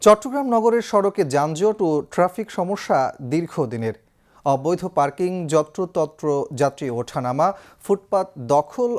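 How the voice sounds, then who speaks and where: A man news anchor introducing a report in a formal, even reading. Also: a little high.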